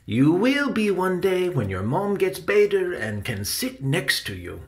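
A man voicing an eager nine-year-old boy in an audiobook, with high, breathless whispers. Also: wildly swooping pitch, unhurried, full character voice. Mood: wistful. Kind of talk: audiobook character voice.

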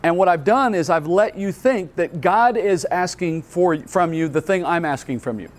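A man's voice: high voice, normal speed. A male pastor giving a Bible teaching at a conference, explaining earnestly step by step and asking rhetorical questions. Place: conference hall.

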